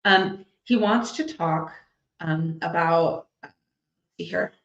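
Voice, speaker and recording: A woman working as a psychic medium, giving a live reading to an audience and thinking out loud as she passes on messages. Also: on the low side, takes it slowly, gravelly. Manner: chatty, thinks out loud while relaying messages. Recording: echoey, slightly dull recording.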